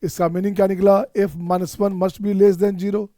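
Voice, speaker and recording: A man's voice: high-pitched, flat delivery, unhurried, mellow, no echo, studio quality. A man from India teaching math in an online exam-prep lecture, mixing Hindi and Indian-accented English and coaxing his students, whom he calls children, to solve each step themselves.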